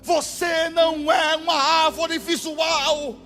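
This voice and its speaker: High, bright-voiced Brazilian pastor preaching. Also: male voice, little pitch movement, takes it slowly. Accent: Brazilian Portuguese. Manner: impassioned preaching with shouted exclamations. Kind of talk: sermon. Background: faint music.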